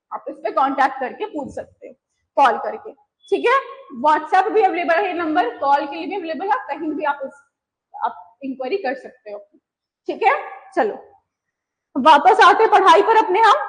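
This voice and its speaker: High-voiced woman teaching grammar. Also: poor audio. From India. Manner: explains patiently, mixing Hindi and English, slows down on examples. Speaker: English teacher. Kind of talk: online grammar lecture.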